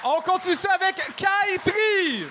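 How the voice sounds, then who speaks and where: A man hosting a comedy show, quick and upbeat as he introduces acts. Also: very high voice. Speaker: show host. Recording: crowd and noise, mic from afar.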